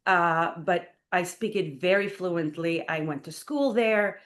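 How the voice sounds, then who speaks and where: Speaking slowly in a lowish, fairly bright voice, this Israeli playwright and performer is earnestly interviewed as a talk radio guest. She leans on fillers such as "like" and "you know," recorded on a studio mic.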